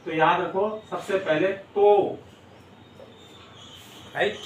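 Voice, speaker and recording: A man teaching an English grammar lesson, repeating example sentences slowly and word by word to drill them in. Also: sits high, steady tone, a little hiss or hum. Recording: echoey room, mic at a distance.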